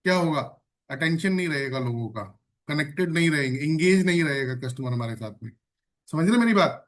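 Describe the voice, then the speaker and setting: A man's voice: fairly high pitch, brisk. A man leading an online sales training session, repeating phrases and checking in with his trainees. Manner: energetic, repeats phrases and asks the audience questions.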